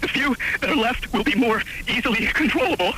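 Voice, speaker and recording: Man, taped off the radio, phone caller, high, slow, nervous, stammering, faint hiss. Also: bright, forceful tone. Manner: halting, stammering, repeats words. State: nervous and hurried. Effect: taped off the radio, over a phone line. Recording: hissy radio phone-in recording.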